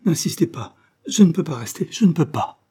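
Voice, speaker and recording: A man's voice: medium pitch, animated, moderate pace, pitched above the performer's own voice, natural voice. A man voicing a proud, wounded noblewoman. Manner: quiet, dignified, restrained.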